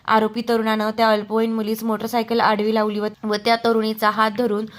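A woman's voice: on the high side, a little fast. Woman reading a local news report. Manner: steady formal news delivery. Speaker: news reader. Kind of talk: scripted news narration.

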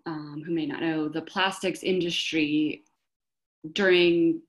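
A woman on a panel giving a measured, explanatory answer over a video call, often pausing mid-phrase. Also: sits low. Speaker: panelist for an environmental group.

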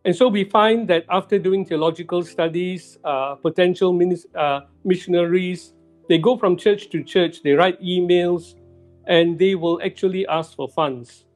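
High-voiced male pastor preaching slowly. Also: faint music behind. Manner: slow, deliberate preaching with repeated emphasis. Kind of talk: sermon. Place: church sanctuary.

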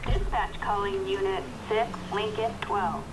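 A woman's voice: mid-range voice, steady tone, unhurried. A woman voicing a police radio dispatcher, calling out clipped codes over a police radio. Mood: flat. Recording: distant radio over loud game noise.

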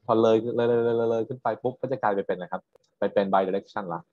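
Speaking fast with fairly even intonation, this lecturer has a voice on the low side. He teaches at a university in a patient, technical way, frequently ending points with short questions to students, and the dry recording comes across as somewhat dull and muffled.

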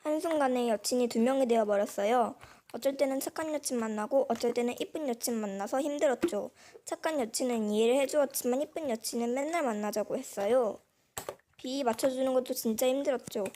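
A woman's voice: high-pitched, a little fast, warm tone. Woman's voice through a voice changer. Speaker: radio-style story host. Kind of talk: reading a listener's letter aloud.

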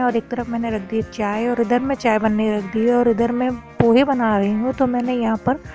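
A woman's voice: on the high side, mellow, muffled recording. A young woman chatting casually in a home vlog, narrating her kitchen chores step by step. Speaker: vlogger.

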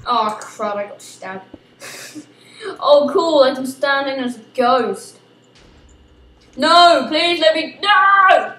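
A young woman, chatting excitedly while recording herself playing a video game. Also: high voice, echoey room, a little hiss or hum, low-quality recording. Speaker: gamer recording gameplay. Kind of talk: let's play commentary.

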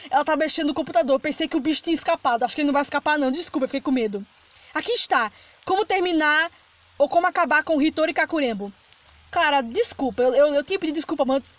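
High-voiced Brazilian woman playing a game. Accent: Brazilian Portuguese. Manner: chatty, reading game text aloud and reacting, easily startled. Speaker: gaming streamer. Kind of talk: Let's Play commentary. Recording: slightly dull lo-fi sound with game music.

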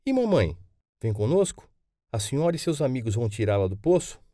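A man's voice: medium pitch, big pitch swings, brisk, warm tone, no room sound, clean studio sound, pitched above the performer's own voice, close to an everyday voice. A man voicing a young boy who asks questions eagerly in an audiobook. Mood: pleading. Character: young boy, frightened then trusting. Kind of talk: audiobook character voice.

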